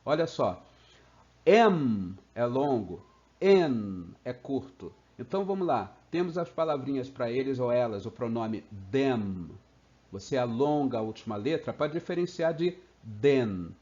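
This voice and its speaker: A Brazilian man teaching English in a playful video lesson, slowly stretching out example sounds. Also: mid-range voice, lively intonation, darkish tone. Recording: slightly dull lo-fi sound.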